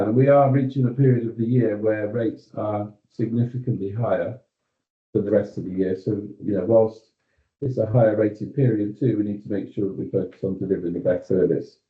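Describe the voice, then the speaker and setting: A British man, a company executive, giving a staff meeting update on a video call, measured, with frequent ums and you-knows. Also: on the low side, reverberant, phone-quality sound.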